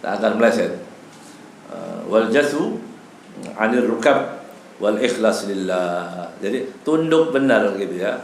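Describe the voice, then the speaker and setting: A man's voice: fairly low pitch, expressive, takes it slowly, pauses often. A man giving a casual evening lecture in a mosque, teaching with Arabic phrases mixed in and acting out quoted voices with humor. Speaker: religious teacher. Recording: echoey hall, faint background noise.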